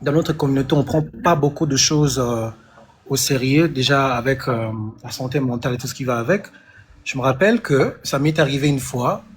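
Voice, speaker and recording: A man's voice: mid-range voice, a little hiss or hum. Hesitant man talking on a live call. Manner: hesitant, many pauses and fillers. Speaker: singer and stream guest. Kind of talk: casual conversation.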